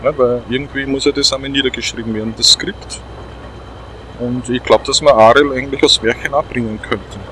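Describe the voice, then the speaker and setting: With a sharp, steady, mid-range voice, a middle-aged man with an Austrian accent talks briskly through a let's play, his casual commentary full of repeated phrases. The audio is poor and carries slight background noise.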